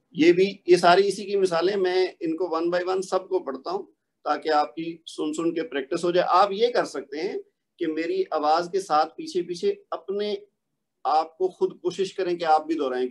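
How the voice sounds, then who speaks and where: A man teaches a recorded online recitation lesson in a fairly high voice. He explains each rule patiently, step by step, and draws out the example words slowly so learners can repeat them.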